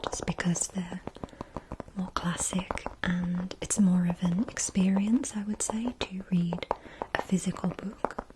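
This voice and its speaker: A woman whispering softly and gently in an unvoiced ASMR ramble, chatting casually to her viewers. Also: lowish voice, little pitch movement, slow, heavy background noise. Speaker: ASMR video creator.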